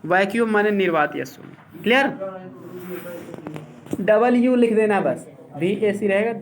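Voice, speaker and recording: A man teaching an English grammar lesson to a class, explaining slowly and often asking whether it is clear. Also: high-pitched, lively intonation, a little hiss or hum.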